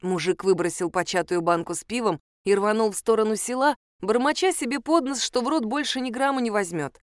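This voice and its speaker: Calm woman reading a story aloud. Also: a little high, fairly quick, clean tone, dry recording, studio quality. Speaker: audiobook narrator. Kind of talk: first-person fantasy narration.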